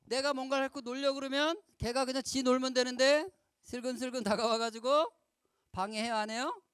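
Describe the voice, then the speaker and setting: A middle-aged man giving a lively storytelling lecture to children at a camp, acting out quoted lines and asking the audience questions. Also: extremely high pitch, fairly quick, smooth, no echo. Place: lecture hall at a youth camp.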